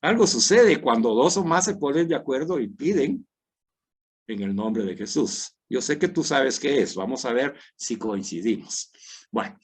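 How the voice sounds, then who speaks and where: A man leading his parish group through a scripture meditation, talking dramatically and moving between soft and loud, acting out the crowd's words. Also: on the high side, breathy edge.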